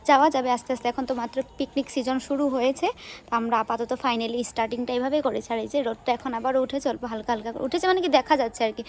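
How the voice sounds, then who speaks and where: A high-voiced woman with a Bengali accent talks fast through a casual cooking vlog. Her running commentary is chatty and teasing, recorded on a phone at home with faint frying sounds behind. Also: darkish tone, a little hiss or hum. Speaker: vlogger. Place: home kitchen and outdoor yard.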